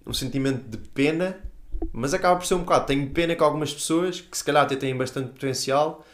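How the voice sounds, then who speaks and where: A man's voice: on the high side, quick pace, a little hiss or hum. A man with a European Portuguese accent explaining his views earnestly and informally in a casual podcast conversation, with slangy check-in tags. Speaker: podcast guest.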